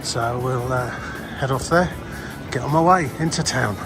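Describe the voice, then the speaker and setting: A man's voice: medium pitch, moderate pace, over music. A man giving casual, rambling travel vlog commentary in a chatty, hesitant way. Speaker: travel vlogger.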